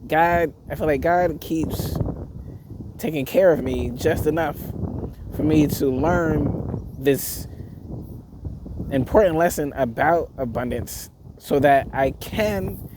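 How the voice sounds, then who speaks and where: A man's voice: fairly high pitch, takes it slowly. Man rambling outdoors by a noisy street. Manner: rambling, reflective, frequent fillers and restarts. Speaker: spiritual vlogger. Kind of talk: casual monologue to camera. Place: outdoors near a street with passersby.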